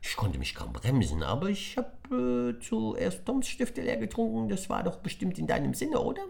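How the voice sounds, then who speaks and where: A man's voice: sits high, huge pitch swings, normal speed, creaky, darkish tone, voice pushed up, full character voice. A man voicing a tiny, greedy and chatty male creature in a children's audiobook, with a squealing, gushing delivery.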